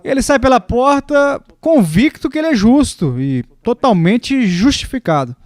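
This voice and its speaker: High-voiced man preaching in a dry room. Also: very animated, normal speed, darkish tone, no room sound. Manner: storytelling with acted quotes, rising pitch in the quoted lines. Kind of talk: sermon.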